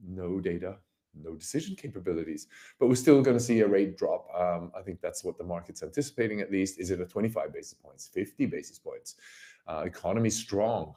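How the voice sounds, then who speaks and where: A slightly hoarse man with a lowish, somewhat mellow voice, a company founder, hosts a casual market-commentary livestream, emphatically rambling, repeating phrases and asking rhetorical questions.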